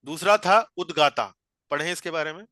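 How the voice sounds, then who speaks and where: A man's voice: a little high, moderate pace, sharp tone, dry recording. A man teaching a scripture study class over a video call, explaining each point patiently and repeating phrases as he guides a reader.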